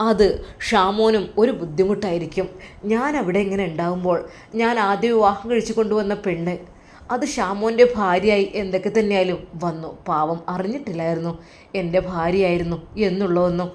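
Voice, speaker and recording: A woman's voice: medium pitch, fairly even intonation, a little fast, a little mellow, close to an everyday voice. Young man done by a woman, devoted, earnest, reassuring, guilt-ridden. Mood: remorseful.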